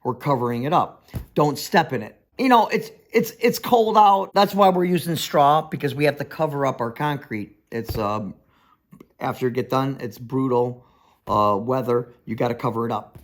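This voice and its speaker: A man's voice: mid-range voice, moderate pace. A man who works as a foundation contractor, telling a story in a reality-show confessional as an exasperated ranter who acts out other people's voices.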